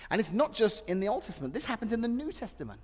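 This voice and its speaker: A middle-aged male pastor preaching a sermon, animated and storytelling with repetitions and humor. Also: sits high, very fast, slightly rough, long reverb tail.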